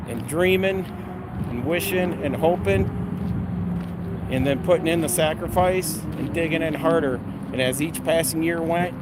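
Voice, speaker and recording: Blunt middle-aged man vlogging over noisy ambience. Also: fairly high pitch. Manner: blunt, salty, self-described abrasive. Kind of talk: casual rambling vlog talk. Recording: noisy outdoor or vehicle ambience.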